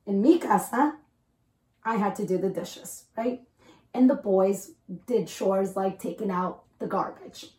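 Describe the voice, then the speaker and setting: A woman's voice: mid-range voice, unhurried, mellow. A woman from El Salvador hosting a podcast, talking candidly and conversationally and slipping in Spanish phrases. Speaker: host. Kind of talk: casual podcast chat. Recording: echoey room.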